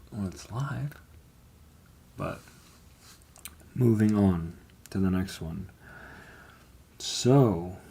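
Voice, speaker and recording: A man with a low, gravelly voice talks slowly through his past on a live stream, trailing off and restarting with plenty of ums. Faint noise hums behind him. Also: a little mellow. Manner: slow, rambling, hesitant with many ums and swearing. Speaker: livestream host telling his life story. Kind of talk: casual live testimony.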